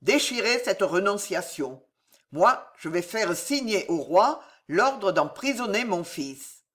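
A woman voicing a cold, ruthless old nobleman who speaks in measured, unhurried tones in an audiobook reading. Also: mid-range voice, big pitch swings, a bit bright, exaggerated voice. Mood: cold menace.

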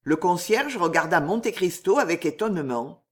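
A man narrating an audiobook of a classic novel in a measured, literary manner. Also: high-pitched, animated.

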